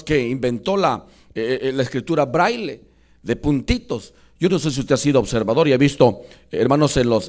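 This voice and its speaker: A pastor delivering an impassioned sermon in a church, his voice sitting a little high for a man. He keeps turning to the congregation as brothers and fills gaps with hesitant pauses, often rising to loud preaching over a church microphone. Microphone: church microphone with a loose cable.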